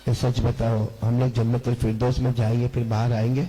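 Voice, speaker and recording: A man preaching a lively storytelling sermon to a large seated gathering, calling on the crowd to answer back. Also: medium pitch, a little fast, faint music behind, rough recording. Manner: calls on the crowd to answer back, repetitive and animated.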